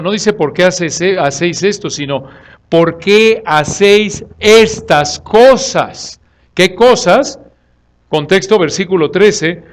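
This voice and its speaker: An animated pastor preaching an expository sermon in a fairly high voice for a man. He asks his congregation questions and answers them himself. He moves between loud, emphatic lines and quiet asides.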